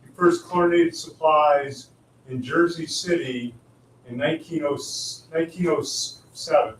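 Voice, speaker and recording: A man's voice: a little high, measured pace, slight background noise. Earnest man explaining figures in echoey room. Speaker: city water supply official answering questions. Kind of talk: explanatory meeting remarks. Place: county board meeting room. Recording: echoey room, distant mic.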